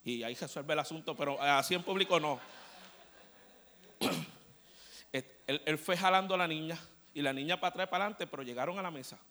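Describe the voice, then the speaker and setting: A male preacher tells a story to his church in an animated way, now and then asking the room to agree. His voice sits a little high for a man. It carries a long reverb from the sanctuary. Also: fairly quick, long pauses. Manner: animated storyteller, asks the congregation "¿verdad?". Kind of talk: storytelling sermon.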